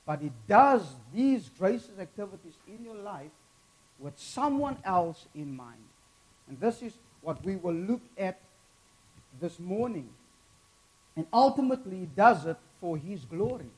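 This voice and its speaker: A man with a Cape Flats South African accent preaching an earnest, deliberate sermon to a congregation. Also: high voice, husky, low-quality recording. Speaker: guest preacher.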